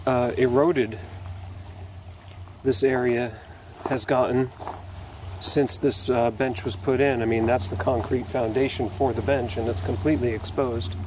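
A man's voice: medium pitch, fairly even intonation, measured pace, long pauses, darkish tone. Guy in his 30s vlogging on a woodland trail, camera at arm's length, rambly and chatty, faint outdoor noise. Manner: chatty, loose, thinks aloud with fillers. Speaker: video host exploring ruins. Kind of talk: casual walking vlog narration. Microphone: camera held at arm's length.

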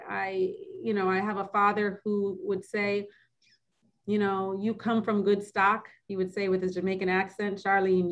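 A woman of middle pitch talks as a guest in a webinar interview. She is earnest and reflective, and she often pauses with "um" and restarts her sentences as she thinks. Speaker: public health physician, interview guest.

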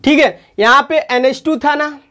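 A woman's voice: high voice, normal speed, fairly bright tone. A woman chemistry teacher giving an online lesson, calling her students children and repeating each term for emphasis.

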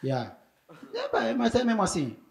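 A man's voice: very high-pitched, wildly swooping pitch, unhurried, gravelly, a little mellow, echoey room. A man with an Angolan Portuguese accent doing a slangy stand-up comedy set on a festival stage, acting out neighbors in quoted voices.

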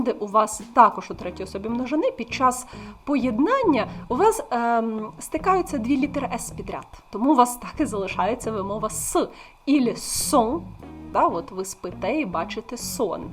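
Brief: female tutor, native Ukrainian, slightly high voice, slow careful model words, soft music underneath. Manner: slow, drawn-out model pronunciations. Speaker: French tutor. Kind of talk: explaining grammar to camera. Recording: faint background music.

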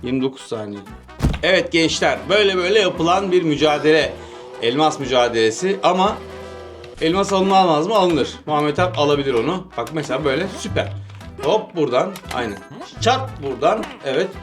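A man hosting a gaming channel, giving casual gameplay commentary, coaching eagerly with quick cheering commands and laughing often. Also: fairly high pitch, lively intonation. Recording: game music playing loudly behind.

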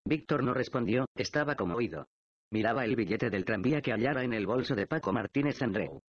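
A man reading a novel aloud as an audiobook narrator, in an even, measured way. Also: mid-range voice. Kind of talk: scripted narration. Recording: dull, dry lo-fi audiobook recording.

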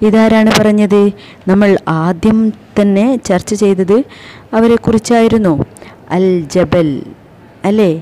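Slow teacher translating text line by line. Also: mid-range voice, fairly even intonation, mellow, a little hiss or hum. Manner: reads text lines, then translates phrase by phrase. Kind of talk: online class explaining a textbook lesson.

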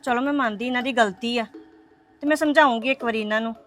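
A woman's voice: on the high side, fast, fairly bright tone, soft background music, lightly acted. A woman plays a young wife who soothes and placates her upset relatives. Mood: placating. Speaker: daughter-in-law. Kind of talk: family web series acting.

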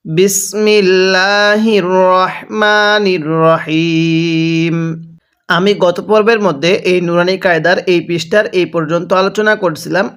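High-voiced Bangladeshi man teaching Quran reading. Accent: Bangladeshi Bengali. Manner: slow, drawn-out spelling of syllables, repeating each word for the learner. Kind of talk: spelling-out recitation lesson.

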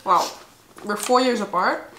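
Casting: shy eighteen-year-old woman, Dutch-native, bright tone, echoey room with light hiss. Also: medium pitch, a little slow. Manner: shy, awkward, soft-spoken. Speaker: guest sister. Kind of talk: casual mukbang chat. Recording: echoey room with faint noise.

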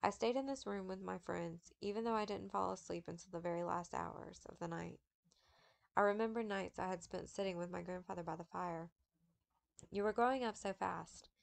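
A woman reading a memoir aloud in a steady, measured manner, with occasional slips. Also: lowish voice, creaky. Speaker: audiobook reader.

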